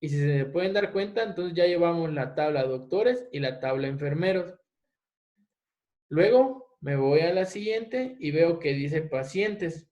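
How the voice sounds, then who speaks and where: A man teaching a step-by-step software tutorial, often asking his class rhetorical questions. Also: fairly high pitch, animated, a little slow. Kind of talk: screen-recorded software tutorial. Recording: echoey room, dull lo-fi mic.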